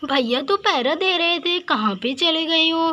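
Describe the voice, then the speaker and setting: A woman's voice: extremely high pitch, expressive, unhurried, pushed and bright, heavily acted. A woman voicing a fearful young village woman in a doll story, who talks in a chatty, worried way. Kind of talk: doll story role-play.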